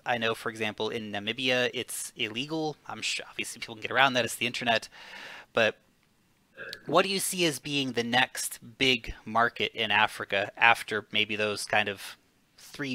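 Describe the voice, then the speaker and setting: A man's voice: mid-range voice, bright, forceful tone, no room sound. A man hosting a casual interview, asking questions with upbeat enthusiasm. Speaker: interview host.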